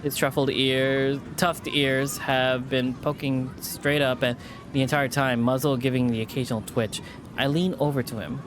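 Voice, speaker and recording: A man's voice: mid-range voice, level tone, normal speed, background noise. A man reading a visual novel aloud with chatty asides, sometimes stumbling and rereading a line. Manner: stumbles over words and rereads lines.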